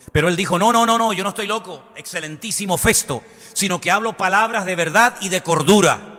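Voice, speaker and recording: A male pastor preaching a sermon with passion, firing rhetorical questions and swinging between loud and soft. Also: a little high, big-room sound.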